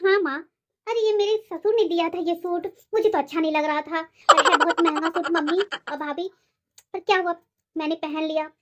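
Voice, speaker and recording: A woman playing a spoiled, demanding married daughter who whines loudly in a comedy skit. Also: very high-pitched, normal speed. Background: background music.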